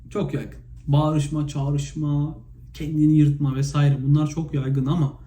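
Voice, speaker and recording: A man from Turkey vlogging in a casual, spontaneous monologue, retelling stories with lots of fillers and animated bursts. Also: fairly high pitch. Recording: echoey room, faint background noise.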